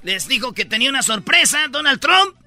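Guy, high piercing bright voice, rowdy joking host, music under it. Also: sing-song, fairly quick. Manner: rowdy storytelling with slang and sound effects. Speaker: radio comedy host. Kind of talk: joking radio banter.

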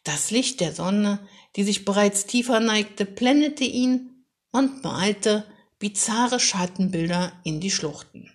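A woman reading a children's story aloud in a calm, measured and expressive way. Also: mid-range voice. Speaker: narrator.

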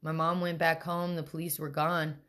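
A young adult woman, a podcast co-host, telling a personal story in casual chat, animated and full of quoted voices. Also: deep voice, normal speed.

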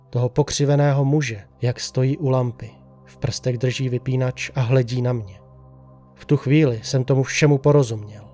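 A man reading a first-person horror story aloud in a slow, hushed, suspenseful way. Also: medium pitch. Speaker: narrator. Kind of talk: scripted horror story narration.

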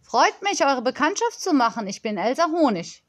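A woman voicing a kind, soft-spoken adult nanny in an audiobook reading. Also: high-pitched, big pitch swings, moderate pace, no echo, voice pushed up. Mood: gentle.

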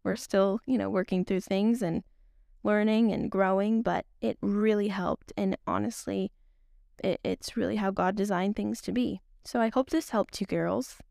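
A woman's voice: mid-range voice, steady tone, a little slow, creaky, mellow, no room sound, clean studio sound. A young woman hosting a faith podcast, talking casually and earnestly to women listeners, rambling with frequent little laughs. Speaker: podcast host.

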